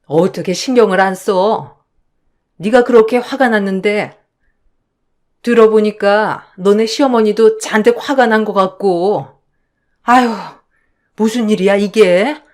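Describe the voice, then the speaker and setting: A woman voicing an elderly mother who speaks slowly and worriedly, in a radio drama. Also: mid-range voice, a little mellow, natural voice. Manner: slow, worried, sighing. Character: fretful elderly mother, gentle and slow.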